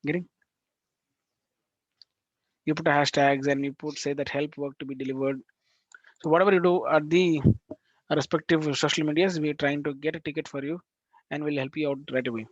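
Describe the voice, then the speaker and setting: A man teaching a live online class over a video call, talking in halting bursts with restarts and frequent check-ins with his students. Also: a little high, little pitch movement, no echo. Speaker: instructor. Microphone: video call microphone. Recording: dull lo-fi call audio.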